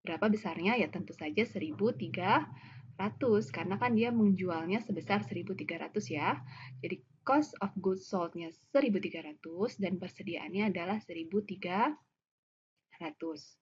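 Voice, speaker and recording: Her pitch is fairly low and her speed normal as she gives a didactic accounting lesson with an Indonesian accent. Like a lecturer, she explains worked examples step by step, raising questions only to answer them herself, over dull lo-fi audio with obvious background noise.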